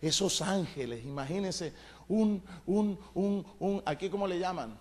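A male pastor preaching a fiery sermon, emphatic, calling on the congregation to answer back and rising to loud shouted peaks. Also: high-pitched, a little slow. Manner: emphatic, calls for congregation responses.

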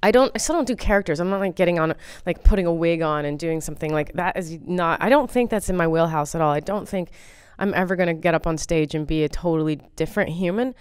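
This is an American woman comedian talking in a casual, rambling way, poking fun at herself and using lots of fillers. Her voice sits a little low and comes across smooth and clear. The recording is close and dry. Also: quick pace, few pauses, no echo. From United States. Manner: rambling, self-deprecating, many fillers. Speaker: comedian guest. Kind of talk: casual interview chat.

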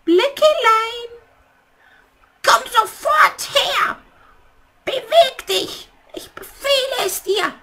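A man voicing a scheming, bossy old witch in a puppet theater play, with a shrill falsetto cackle and a commanding, theatrical manner. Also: slow, a bit bright, exaggerated voice.

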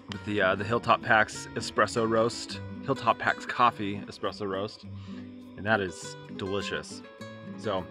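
A man vlogging at an outdoor campsite, casually walking through his camping gear with loose, rambling speech and fillers. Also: on the low side. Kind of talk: casual gear walkthrough vlog.

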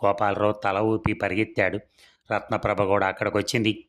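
Male storyteller, serial story read aloud, steady, low voice. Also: fairly quick.

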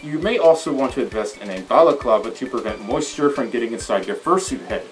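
Man speaking muffled through a costume head, lively up-and-down voice, earnest and pleading, faint guitar music behind. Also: mid-range voice, fast talker. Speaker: fursuit guide presenter. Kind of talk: casual instructional talk.

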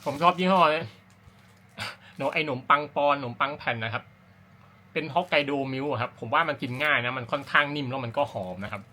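Speaking to camera, an amateur runner who hosts a running vlog rambles casually through his routine, often correcting himself. His voice sits at medium pitch, with a brisk pace and a sharp edge.

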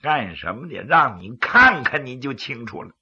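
A male storyteller voicing a bold, mocking martial hero in a gravelly, dramatic voice. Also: mid-range voice, sing-song, normal speed, bright, forceful tone, muffled recording, voice pushed down, exaggerated voice. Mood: mocking, threatening. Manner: dramatic, taunting.

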